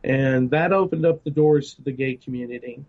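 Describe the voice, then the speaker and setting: A man's voice: mid-range voice, moderate pace. A middle-aged man giving his personal testimony in an interview, earnest, with many restarts and fillers. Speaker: guest ministry director. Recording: dull lo-fi sound.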